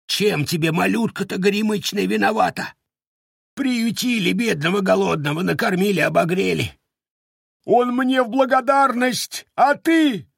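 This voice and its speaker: A man voicing a greedy, foolish peasant who rants in a shrill, sobbing, self-pitying voice. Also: a bit bright, dry recording, studio quality, exaggerated voice.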